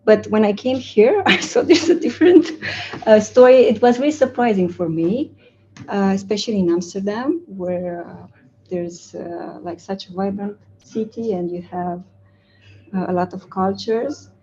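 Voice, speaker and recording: Soft-toned woman from Romania, hesitant. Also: medium pitch, moderate pace, lo-fi sound, a little hiss or hum. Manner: hesitant, many fillers, laughs often. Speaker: community speaker. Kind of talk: casual meetup talk. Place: large open event room indoors.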